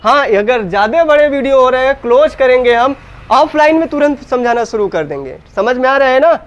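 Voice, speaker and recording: A man from India leads an English grammar lesson in Hindi, his voice sitting fairly high for a man. He fires questions at the class and often answers them himself, going over each point again and again in a classroom lecture. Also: animated, brisk, dull audio. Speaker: English teacher.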